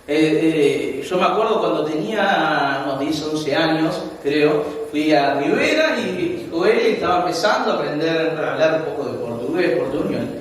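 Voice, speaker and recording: A young adult man with a Uruguayan accent preaching a sermon as pastor, telling stories with animated, laughing asides. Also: on the high side, moderate pace, few pauses. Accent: Uruguayan Spanish. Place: church hall. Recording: echoey hall, mic far off.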